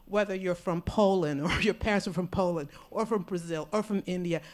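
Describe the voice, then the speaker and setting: A woman's voice: lowish voice, fairly quick, darkish tone. A woman in the audience sharing a rambling personal comment at a conference, with light laughs. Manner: meandering, chatty, laughs lightly. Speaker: audience member. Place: conference hall.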